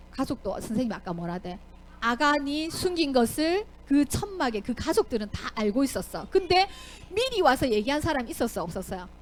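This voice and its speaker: Lively high-pitched woman telling a Bible story. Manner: asks the children questions and acts out the characters' lines. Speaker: Sunday school teacher. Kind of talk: animated Bible storytelling for children.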